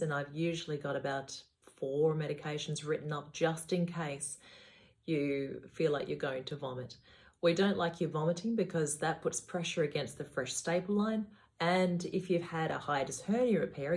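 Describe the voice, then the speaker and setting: A woman's voice: low voice, a little mellow. A woman speaking as a surgeon, giving patients instructional advice in a matter-of-fact, reassuring way.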